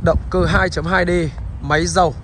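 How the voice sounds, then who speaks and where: A man's voice: sits high, fairly even intonation, moderate pace, a bit bright, slight background noise. A man narrating a used car sales walkaround, in a dealer's patter that keeps politely addressing the viewers. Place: outdoors beside and inside a car on a roadside.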